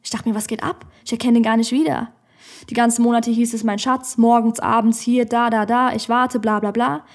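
A woman's voice: on the high side, little pitch movement, fairly quick. A woman comedian telling a personal story on a podcast in a studio, blunt and outspoken.

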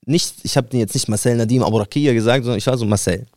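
A man's voice: mid-range voice, racing, no room sound, studio quality. A man from Germany, co-hosting a podcast, telling stories in casual chat and acting out the people he quotes. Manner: animated storytelling, acts out the people he quotes.

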